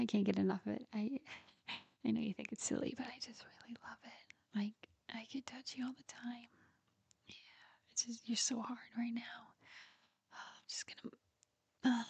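A woman speaking in a soft, breathy whisper in an intimate roleplay recording, with frequent quiet giggles, close to the mic. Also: a little high, dry recording.

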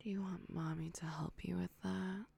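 Young woman for intimate ASMR roleplay: soft breathy whisper, low-set, gravelly edge, soothing and doting. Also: flat delivery. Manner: slow, soothing, doting, with frequent hums and soft giggles. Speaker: audio roleplay performer.

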